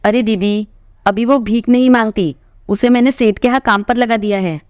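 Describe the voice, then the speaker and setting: A woman voicing a stubborn young man in love who speaks earnestly and insistently, with a clear voice. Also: fairly high pitch, moderate pace, darkish tone, no room sound, clean studio sound, natural voice. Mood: defiant. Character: stubborn young man in love, defiant toward his sister.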